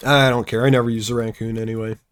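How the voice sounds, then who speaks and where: Young male streamer, loose rambling commentary with a dry sarcastic edge, average pitch. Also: flat delivery, fast talker, fairly bright tone, clean tone. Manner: wry, sarcastic rambling asides. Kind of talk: casual live-stream gameplay chatter.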